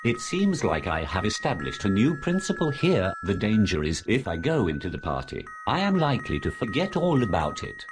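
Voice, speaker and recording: Comic horror audio play: male actor as absent-minded undead academic, very deep and animated, brooding and self-absorbed. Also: moderate pace, hardly any pauses, over music. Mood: musing, brooding. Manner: musing, talking to himself. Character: absent-minded male behaviorist professor turning zombie, brooding, distracted.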